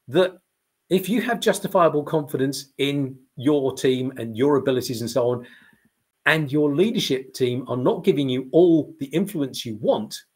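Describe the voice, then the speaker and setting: A middle-aged man leads a lesson for communication specialists in a fairly high voice. He tells his story with lively swings, acting out imagined reactions as he goes. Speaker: communication trainer. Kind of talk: lecture-style talk to camera.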